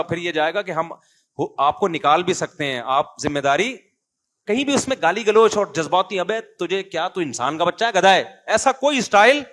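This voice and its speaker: A man with a fairly high voice gives a conversational religious sermon, moving between soft storytelling and forceful emphasis. He often asks his listeners rhetorical questions. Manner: storytelling, swings from quiet asides to emphatic preaching. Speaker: Islamic preacher.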